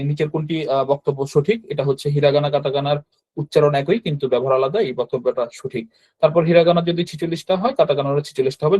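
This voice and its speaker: Fast-talking man teaching an online class. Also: fairly high pitch, darkish tone, lo-fi sound. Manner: fast, explanatory, with frequent fillers and self-corrections. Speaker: Japanese language teacher.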